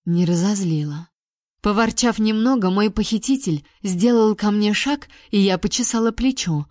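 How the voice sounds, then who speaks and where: A woman reading a first-person fantasy audiobook with lively, expressive storytelling. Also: medium pitch, normal speed, no room sound, studio quality. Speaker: audiobook reader.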